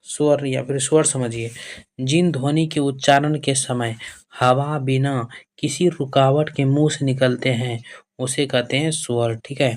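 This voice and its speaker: Man with a flat-voiced teaching drone. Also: medium pitch. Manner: repetitive, keeps addressing students fondly and checking with "okay"; asks questions and answers them himself. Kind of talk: board-exam grammar lesson.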